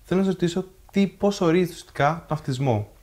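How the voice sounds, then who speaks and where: A man's voice: on the high side, a little mellow, a little hiss or hum. Polite young male student interviewer. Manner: polite, measured questioning. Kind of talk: interview questions.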